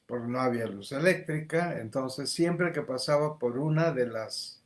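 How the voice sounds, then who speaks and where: A man giving a livestreamed spiritual teaching, speaking slowly and deliberately, often repeating words as he explains. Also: mid-range voice. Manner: slow, deliberate, with frequent repetitions.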